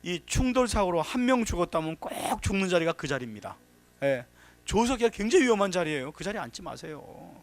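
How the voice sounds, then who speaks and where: A man's voice: high voice, very animated, fairly quick, soft background music. A man giving a workshop lecture on safety, telling anecdotes, acting out quotes and giving emphatic warnings. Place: workshop hall.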